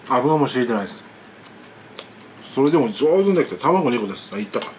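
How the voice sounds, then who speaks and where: A man's voice: medium pitch, big pitch swings, fast talker, a little mellow, a little hiss or hum. Chatty man telling stories over a meal. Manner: chatty, rambling storyteller with asides. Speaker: food vlogger. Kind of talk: casual chat while eating.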